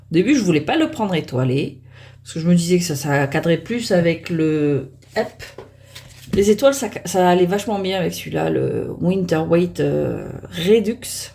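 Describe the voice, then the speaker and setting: A woman's voice: sits low, gravelly, dark tone, slight background noise. A woman reviewing a tarot deck in a casual unboxing chat, hesitant and chatty, often stopping to restart and poke fun at herself. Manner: self-mocking.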